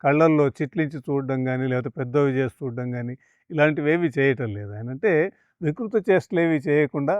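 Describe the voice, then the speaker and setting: Man, calm measured lecture, slow chanted verses, dry close sound, slightly dull. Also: on the high side, clear, resonant tone, no room sound. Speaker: spiritual teacher. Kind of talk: explanatory lecture on scripture.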